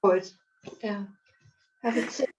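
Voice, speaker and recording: A woman's voice: mid-range voice, fairly even intonation, slow pace, darkish tone, a little hiss or hum. A woman in a casual group video call giving short replies, her audio breaking up over the connection. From England. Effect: online call audio breaking up. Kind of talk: casual chat. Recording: muffled, distant internet call audio.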